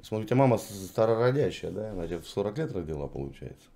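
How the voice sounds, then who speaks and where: A man in his forties conducts a mocking street interview with a young woman on camera, teasing her in a condescending, sarcastic way. His voice is on the low side, creaky and warm in tone, with big pitch swings and a rapid-fire delivery.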